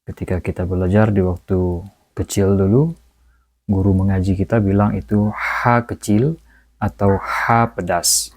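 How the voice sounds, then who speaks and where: A man teaching correct Quran pronunciation, moving between slow chanted recitation and brisk explanation. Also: sits low, steady tone, a little mellow, dry recording. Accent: Indonesian. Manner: alternates slow melodic chanted recitation with quick spoken explanation.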